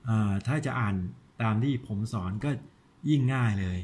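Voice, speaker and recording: A man, a father giving a casual home-video lesson on English pronunciation, chatting and slowing down to sound out words. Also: mid-range voice, darkish tone, slightly rough.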